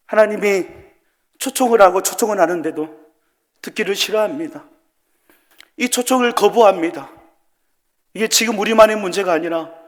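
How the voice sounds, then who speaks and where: A man preaching in a church sanctuary with a high voice, throwing question after question at his listeners. He swings from loud, pleading cries down to hushed murmurs. His words ring out with a long hall reverb. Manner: rhetorical questions to the congregation. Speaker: pastor. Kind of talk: sermon.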